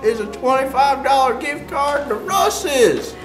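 A man's voice: very high voice, expressive, a little slow. A young man playing a bingo caller in an amateur comedy skit, announcing to the room. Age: young adult. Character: male bingo-night host addressing elderly ladies. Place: medium classroom or rehearsal room, indoors. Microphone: distant camera microphone. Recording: roomy, distant camera sound with music.

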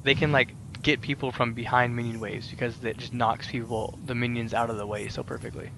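Rambling and full of filler, a young man's animated gamer talk carries his Minecraft let's play as he chats casually with friends on a voice call. He talks a little fast in a mid-range voice over a noisy background.

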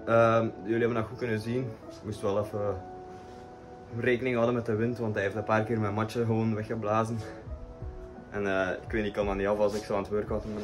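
A young man with a Flemish accent chatting casually to his vlog in a laid-back, slangy way, sprinkling in English words, recorded on a phone at arm's length. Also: lowish voice. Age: young adult. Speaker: vlogger. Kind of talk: casual daily vlog chat.

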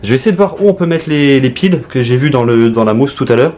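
A man's voice: medium pitch, fast, a little hiss or hum. Chatty young French man unboxing. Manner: chatty, excited, talks to viewers. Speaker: YouTuber. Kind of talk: casual unboxing commentary.

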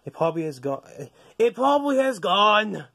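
A man's voice: high-pitched, very animated, normal speed, vocal fry, fairly bright tone, a little hiss or hum, heavily acted. A man voicing Vegeta, a proud, hot-tempered alien warrior, in a casual improvised toy-figure video, rambling, swearing and stammering. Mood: excited. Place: basement.

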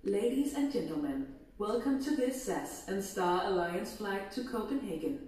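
Mellow, echoing woman's boarding announcement. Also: mid-range voice, animated, moderate pace. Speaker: airline gate agent. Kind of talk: scripted airport boarding announcement. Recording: echoey airport PA, far from mic.

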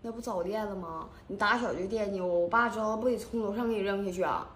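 A woman's voice: mid-range voice, quick pace, a bit bright, echoey room, lightly acted. A woman playing a bossy, exasperated young woman in a casual comedy skit. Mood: instructing. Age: 20s. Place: small lounge indoors.

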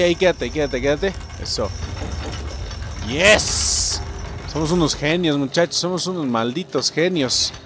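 A young man with a Mexican accent narrates his gameplay in an excitable, lively voice that swings from low mutters to sudden yelps. His pitch sits a little high and jumps all over. Faint game music plays underneath. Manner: excitable, yelps and swears at scares. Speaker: gameplay streamer. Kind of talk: let's play commentary.

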